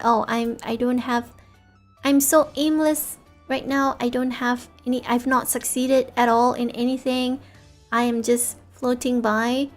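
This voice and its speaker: Faint background music accompanies a late-night casual stream chat from a weary VTuber, a woman in her 30s with native English and Malay. Speaking in a slightly high voice, she drifts reflectively and keeps rephrasing what she means.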